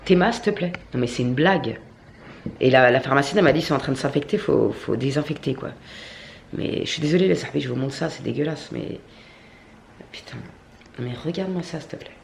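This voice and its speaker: A woman's voice: rumbling low, a little fast, vocal fry, long pauses, a little hiss or hum. A woman vlogger telling a storytime rant to camera, indignant, slangy and full of swearing. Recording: echoey room.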